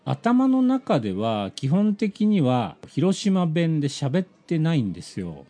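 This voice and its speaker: Lively mellow-voiced man with a Hiroshima accent. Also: fairly high pitch, slow pace. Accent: Hiroshima Japanese. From Hiroshima, Japan. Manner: animated storytelling, acts out quoted conversations. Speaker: streamer answering viewer messages. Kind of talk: casual live stream chat.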